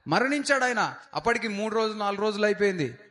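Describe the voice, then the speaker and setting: Fervent high-voiced preacher. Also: male voice, lively intonation, fast talker. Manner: fervent preaching with frequent hallelujahs, rising to loud declarations. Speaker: pastor. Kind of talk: Easter sermon.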